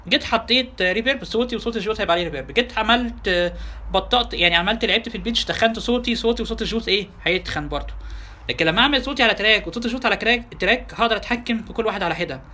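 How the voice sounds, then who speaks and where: A man with an Egyptian Arabic accent giving a casual software tutorial, talking fast and asking his listeners rhetorical questions. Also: high-pitched. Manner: quick, chatty, addresses listeners directly with rhetorical questions. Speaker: software instructor. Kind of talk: tutorial lecture.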